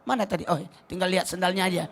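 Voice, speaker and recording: A man, a cleric, giving a lively, joking answer on a religious talk show, often restarting his words. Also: high voice, racing.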